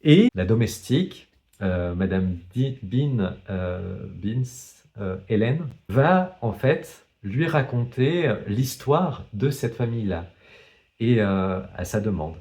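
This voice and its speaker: A young man chats casually about a book, stopping often to restart his sentences and poking fun at himself. His voice sits low and mellow. He speaks slowly and unhurriedly. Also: expressive. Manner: hesitant, many fillers and restarts; self-deprecating humor. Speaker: book vlogger. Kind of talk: casual book review vlog.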